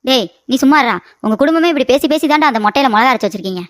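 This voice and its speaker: A woman voicing a bickering older mother-in-law in a cartoon comedy, scolding with quick sarcasm. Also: high voice, animated, no echo, studio quality.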